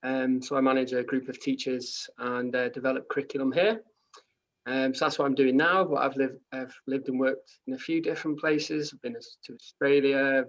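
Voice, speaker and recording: Gravelly Welsh man on a call. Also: medium pitch. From Wales. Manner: relaxed, many ums, trails off quietly. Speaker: guest speaker. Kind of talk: casual video-call chat. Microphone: video call. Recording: dull lo-fi call audio.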